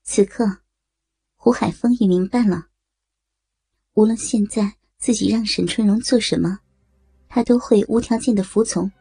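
A woman narrating an audio story in a slow, even storytelling manner. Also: mid-range voice, gravelly, slightly rough, no echo.

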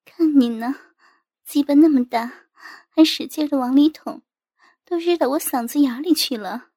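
A woman's voice: high-pitched, a little slow, warm tone, no echo, studio quality. A woman doing a coy, cooing young woman. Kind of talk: storybook character voice.

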